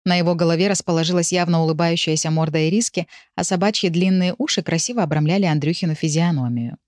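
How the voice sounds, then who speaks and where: Audiobook narrator: woman, lower register, dry studio sound, even delivery. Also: fast talker, dry recording. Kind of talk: scripted narration.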